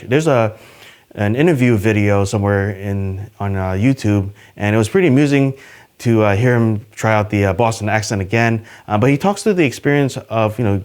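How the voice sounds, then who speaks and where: A man hosting a casual trivia video, talking to the camera in an upbeat, chatty way with plenty of fillers. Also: a little mellow. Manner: enthusiastic, pitch jumps on list numbers. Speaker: YouTube host.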